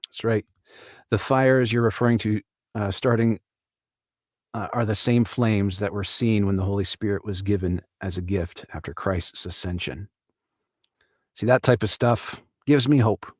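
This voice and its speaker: Man, live stream host, low voice, dry close sound, earnest and reflective, casual commentary. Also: no echo. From Canada. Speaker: livestream host.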